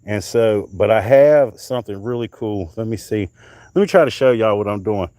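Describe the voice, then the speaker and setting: This middle-aged North Carolina man hosts a casual show-and-tell livestream outside on a hot summer night, cursing as he rambles about his finds. He speaks at a normal speed in a warm, lowish voice with lively intonation, and there's no echo.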